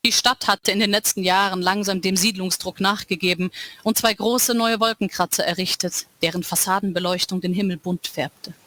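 A woman's voice: medium pitch, steady tone, moderate pace, fairly bright tone. A woman author reading from her own novel and chatting casually with listeners in between.

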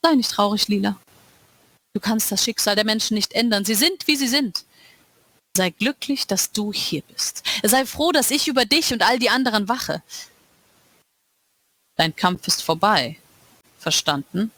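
A woman reading aloud, voicing a cold, all-knowing male world ruler who speaks slowly and calmly, like a lecture. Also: high voice, no echo, exaggerated voice. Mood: cold commanding. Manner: slow, calm and lecturing. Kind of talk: dramatic reading of a novel.

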